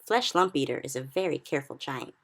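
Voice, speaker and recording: A woman voicing a big, friendly male giant in a storybook reading, who speaks slowly and mangles his grammar. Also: a bass voice, expressive, full character voice. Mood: sly. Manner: slow, odd jumbled grammar.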